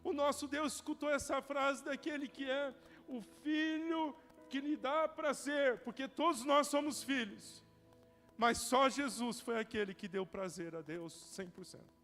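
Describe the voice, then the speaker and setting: Brazilian pastor guy, super high voice, emotional sermon, churchy echo and faint music. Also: fairly even intonation, unhurried. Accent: Brazilian Portuguese. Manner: emotional storytelling, swings from loud cries to hushed whispers. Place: church hall. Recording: church hall reverb with soft music.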